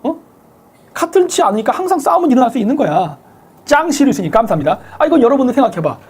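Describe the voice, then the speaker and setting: Combative husky-voiced woman streamer. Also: high voice, very animated, fast, darkish tone. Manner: combative, sarcastic, full of rhetorical questions and coarse insults. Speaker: livestream host thanking viewers for donations. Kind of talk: opinionated political commentary stream.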